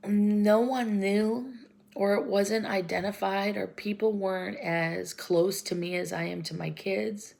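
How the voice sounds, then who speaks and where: Woman in her 40s on the verge of crying, slow halting talk, low gravelly voice, whispers a lot. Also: darkish tone. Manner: tearful, halting, often drops to a whisper. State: close to crying. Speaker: vlogger. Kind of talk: emotional personal vlog.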